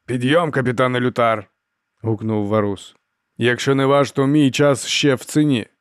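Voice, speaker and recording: A man's voice: medium pitch, moderate pace, no room sound, clean studio sound, close to an everyday voice. A man voicing an old, stern lord marshal who drills a pupil with barked commands. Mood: scolding. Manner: barking, commanding.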